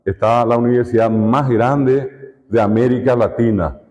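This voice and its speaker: A man's voice: mid-range voice, steady tone, a little slow, mellow. A man with a Paraguayan Spanish accent giving a conference lecture as a university lecturer, explaining with repeated examples and rhetorical questions. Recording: echoey hall, dull lo-fi sound.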